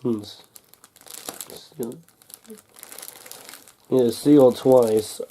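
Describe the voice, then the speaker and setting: Muttering to himself in halting, casual speech, a young unboxing host handles packaging over a table at home, his mid-range voice dark, fairly even and slightly congested from a cold. The unscripted talk is captured by a camcorder microphone close above the table.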